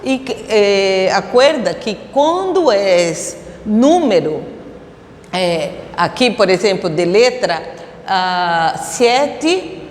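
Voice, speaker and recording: A Brazilian woman teaches Spanish grammar at an unhurried pace. She explains each rule patiently and keeps asking her students questions. Her voice echoes around the room with a long reverb. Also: mid-range voice, slight background noise. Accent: Brazilian Portuguese. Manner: explains slowly, asks students rhetorical questions. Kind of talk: classroom grammar lesson.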